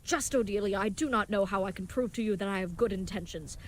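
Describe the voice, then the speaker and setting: In a scripted audio drama, a woman plays a brave, naive young leatherworker pretending to be a knight, cheerfully oblivious and talking fast. Her speech is formal, chivalrous and grandly earnest, with no contractions, in an earnest, reassuring mood. Her mid-range voice sounds close to everyday speech, with a slight hiss or hum.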